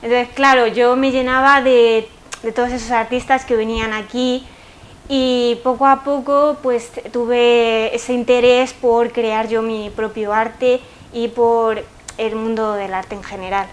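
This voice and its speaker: Hesitant young woman artist, slightly high. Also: level tone, a little slow. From Spain. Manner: hesitant, with many fillers. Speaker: artist guest. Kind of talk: interview answers.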